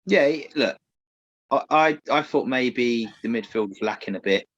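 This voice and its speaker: A man's voice: medium pitch, normal speed, dry recording, highs cut off. A man co-hosting a casual football podcast over a video call, chatty and teasing, laughing often. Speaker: podcast co-host.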